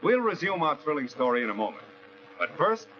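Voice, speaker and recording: A man's voice: a little high, very animated, fairly quick. A man announcing and narrating an old radio show drama with a dramatic, theatrical delivery. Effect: old radio show broadcast. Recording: dull lo-fi old radio recording with music behind.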